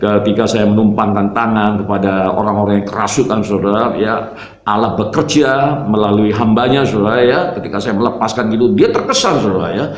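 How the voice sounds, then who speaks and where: A low-voiced male pastor tells his testimony earnestly, turning to his listeners after almost every phrase. The room is roomy and echoey around his voice. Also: fairly quick. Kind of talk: personal faith testimony. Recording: roomy echo.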